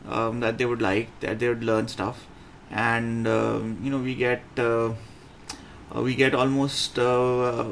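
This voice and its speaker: A middle-aged man with a Pakistani accent giving an informal online lecture as a coach, in a blunt, halting way that repeats phrases for emphasis. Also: mid-range voice, little pitch movement. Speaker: business lecturer and pitching coach. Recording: clearly noisy room recording.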